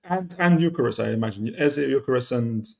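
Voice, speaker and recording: A man's voice: mid-range voice, expressive, brisk, vocal fry, a little mellow. A man hosting a football talk show, upbeat, summing up the episode and laughing along with his guest. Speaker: host. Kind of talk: podcast hosting and football chat.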